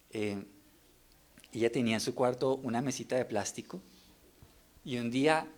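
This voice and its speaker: A man's voice: medium pitch, a little mellow. A middle-aged man preaching an earnest sermon, pressing the congregation with rhetorical questions.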